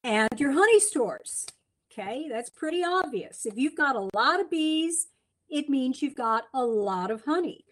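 A woman's voice: high voice, lively intonation, a little slow. A middle-aged woman giving a chatty slide lecture from home over a webcam, with many ums and restarts. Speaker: beekeeping speaker. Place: home room, indoors. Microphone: webcam on a video call.

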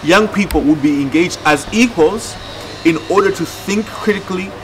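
A man with a high-sitting voice explains things methodically at a moderate pace, speaking as a project facilitator in a documentary interview. He was recorded on a distant mic with music playing in the background.

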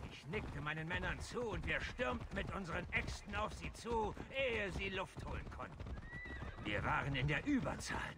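Swaggering Viking warlord. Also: male voice, fairly high pitch, creaky, background noise, exaggerated voice. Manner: swaggering, crude storyteller. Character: boastful brutal Viking warlord man. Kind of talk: German game dub.

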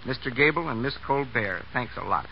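Brisk, animated, and creaky, this American man's mid-range voice comes through a dull, noisy 1930s radio recording. He's a bus driver appearing as a guest in a scripted interview, answering in a plain, folksy manner.

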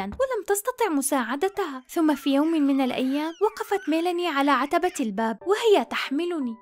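Lively high-voiced woman narrating a story. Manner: expressive, dramatic storytelling. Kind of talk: scripted first-person story narration.

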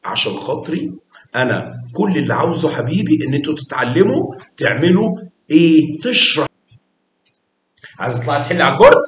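A man's voice: on the high side, very animated, fast, fairly bright tone, echoey room. A man with an Egyptian Arabic accent teaching math to young children, coaxing and quizzing them with praise.

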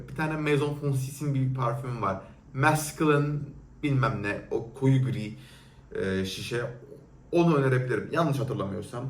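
Young guy chatting casually, blunt and a bit teasing, mid pitch, echoey room and a little off-mic. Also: distant mic. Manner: blunt and teasing, answers viewer questions off the cuff. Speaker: perfume reviewer. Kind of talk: casual Q&A talk. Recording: roomy echo, a little off-mic.

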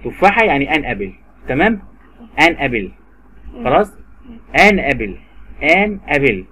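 A man's voice: a little high, sing-song, normal speed, bright, forceful tone, slight background noise. A man with an Egyptian Arabic accent teaching English grammar to a child, patiently repeating words and examples. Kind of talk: drilling grammar lesson for a child.

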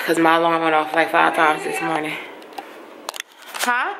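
A woman's voice: low voice, monotone, moderate pace, creaky. A woman chatting casually to her vlog viewers in a playful, talkative way. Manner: chatty, playful, uses "y'all". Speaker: vlogger. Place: car and shops. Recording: noisy phone recording.

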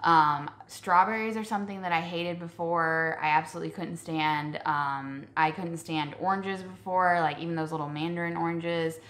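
A woman's voice: on the low side, steady tone, normal speed, hardly any pauses, fairly bright tone. A woman co-hosting a food vlog, chatting casually with many ums and likes. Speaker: vlog co-host. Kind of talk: casual chat. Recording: echoey room.

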